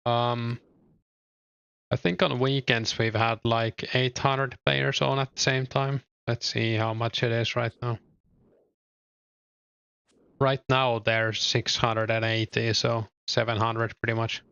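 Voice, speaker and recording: Gaming and reading his chat aloud, this young streamer with a Finnish accent talks in a relaxed, hesitant way full of fillers. His mid-range voice is slow, creaky, clear and resonant, with no echo, though the recording sounds muffled.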